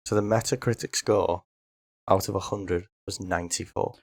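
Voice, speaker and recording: A man with a very deep, gravelly voice runs a quiz in a casual podcast chat. He answers in short, deadpan replies. The sound is dry and close. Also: moderate pace, dry recording. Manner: deadpan, terse. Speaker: podcast co-host, quizmaster.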